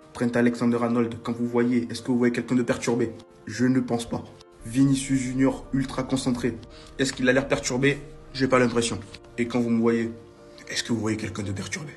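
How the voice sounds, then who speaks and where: Man, flat monotone voice, calm wry match-day chat, faint music behind. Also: medium pitch. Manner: calm, wry, asks viewers questions. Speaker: football content creator.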